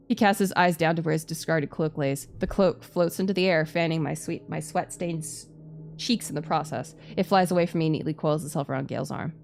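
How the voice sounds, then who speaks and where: Music runs under this woman's low, creaky, slightly mellow voice, along with a little hiss or hum. She's a streamer giving a dramatic reading of a visual novel, now and then stumbling on tough words and repeating them.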